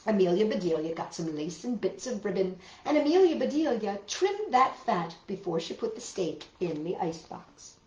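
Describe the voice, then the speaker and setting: A woman hosting children's storytime, reading aloud in an expressive, emphatic narrating style. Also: mid-range voice, normal speed, few pauses, a little hiss or hum. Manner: animated, emphatic. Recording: roomy echo.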